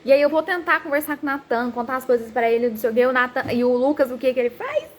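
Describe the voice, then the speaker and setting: A woman psychologist in her thirties giving a talk on parenting, animated and acting out quoted parents and children. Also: high voice, racing, slight background noise.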